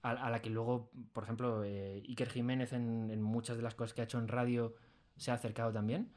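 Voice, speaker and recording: A man from Spain, speaking with a Spanish accent, rambles enthusiastically as a casual interview guest in a recording studio, where he is there as an audio drama creator. His mid-range voice is brisk and darkish, with little pitch movement.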